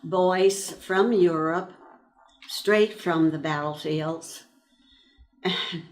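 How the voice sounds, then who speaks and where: Speaking slowly in a voice on the low side, a woman in her nineties from eastern Pennsylvania, USA, shares memories as a World War II army nurse veteran in an oral-history interview. She reflects as she goes, pausing frequently.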